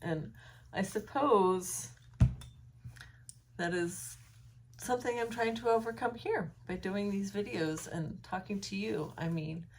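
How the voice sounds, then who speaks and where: Alone at home with her phone camera, a young woman vlogger muses unscripted in a medium-pitched, slightly froggy voice. She takes her time and pauses often, hesitant and thoughtful, dropping plenty of ums and likes. Some slight background noise can be heard.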